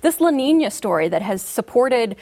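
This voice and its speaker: A woman commodity market analyst giving measured, explanatory answers full of market jargon in an interview. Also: on the high side, big pitch swings, a little mellow.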